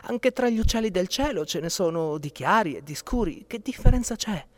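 A man's voice: high-pitched, animated, a little fast, no room sound, pitched above the performer's own voice. A man doing a grumbling feathered bird-catcher. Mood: musing. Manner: grumbling, fussy.

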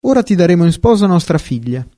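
A man's voice: high voice, very animated, fast talker, warm tone, voice pushed up. A man reading as a gracious queen, approving and pleased. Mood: delighted. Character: gracious fairy-tale queen, delighted. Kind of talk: storybook reading.

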